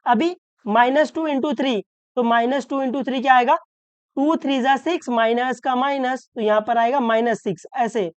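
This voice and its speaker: A woman maths tutor from Maharashtra explains a problem step by step, often checking that the students follow and slowing down to stress each rule. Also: high-pitched, clear, resonant tone, no room sound. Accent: Hindi-English mix, Maharashtra. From Maharashtra, India. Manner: checks understanding with repeated questions; slows down to stress key rules.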